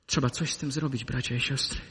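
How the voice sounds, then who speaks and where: A man preaching a sermon to his congregation, swinging between loud emphatic peaks and low, close asides. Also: fairly even intonation, fast talker. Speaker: pastor. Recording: long hall reverb.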